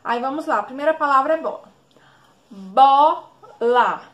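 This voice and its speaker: High-voiced Brazilian teacher drawing out syllables. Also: female voice, racing, fairly bright tone. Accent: Brazilian Portuguese. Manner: stretches out words and syllables, sing-song, asks the class questions. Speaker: primary school teacher. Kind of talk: recorded remote class for young children.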